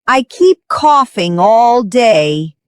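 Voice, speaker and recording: Very slow woman reading example sentences. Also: on the high side, very animated, clear, resonant tone, dry recording, clean studio sound.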